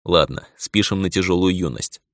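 A man reading a first-person audiobook in a dramatic, expressive way. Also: sits low, moderate pace, no room sound, studio quality. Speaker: audiobook narrator.

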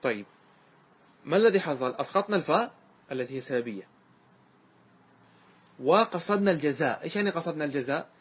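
A man's voice: on the high side, lively intonation, fast, long pauses, breathy edge. A man, a sheikh giving a classroom grammar lesson, explaining step by step, repeating examples and quizzing his students.

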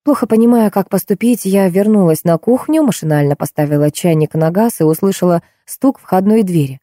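A woman narrating a first-person audiobook with an expressive, animated delivery. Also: on the low side, brisk, dry recording, studio quality.

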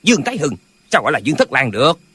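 A man voicing a band of quarrelsome, pedantic old martial-arts brothers in an audiobook, with a husky voice. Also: fairly high pitch, sing-song, rapid-fire, sharp tone, no room sound, full character voice. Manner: bickering, pedantic, squabbling.

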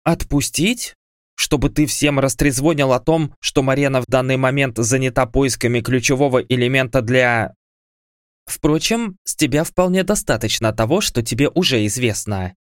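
A man's voice: medium pitch, moderate pace, dry recording, studio quality, pitched above the performer's own voice, lightly acted. A man voicing a haughty, commanding female goddess of death in an audiobook, speaking in a raised, scornful tone. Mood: imperious.

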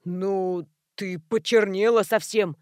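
A woman doing a gruff shouting male neighbor. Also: medium pitch, fairly even intonation, takes it slowly, dry recording, clean studio sound, lightly acted. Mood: grumbling. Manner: shouting, coarse and dismissive. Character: rude gruff middle-aged male neighbor.

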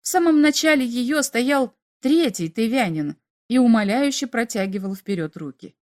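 A woman narrating a story aloud in a lively, animated way. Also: a little high, moderate pace. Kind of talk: expressive storytelling.

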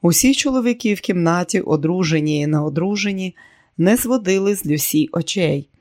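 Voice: medium pitch, animated, a little mellow, no echo. Dry, close audiobook narrator. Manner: measured storytelling. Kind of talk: scripted narration.

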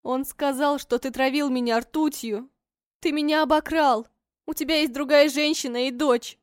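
Woman voicing a terrified high-voiced young wife. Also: fairly even intonation, moderate pace, no room sound, clean studio sound, close to an everyday voice. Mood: frightened. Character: terrified injured young wife, confused and pleading. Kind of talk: audiobook character reading.

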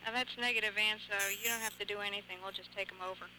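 A woman working as a mission control communicator, brisk and businesslike in procedural calls over two-way radio. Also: medium pitch, steady tone. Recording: noisy space radio link with beeps.

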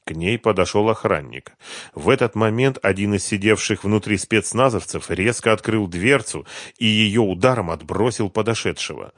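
A man narrating an audiobook in an even, measured reading. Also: fairly low pitch, no echo, clean studio sound. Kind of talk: scripted narration of a thriller novel.

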